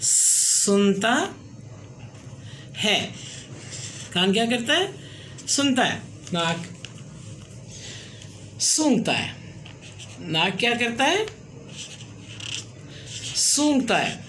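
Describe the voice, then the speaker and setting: A woman teaching letters and words at a slow, unhurried pace, counting each letter out loud. She pauses to check in as she goes. A faint hiss runs behind her voice. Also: fairly high pitch, very animated. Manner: counts letters aloud, checks in with "theek hai". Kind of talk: slow step-by-step writing lesson.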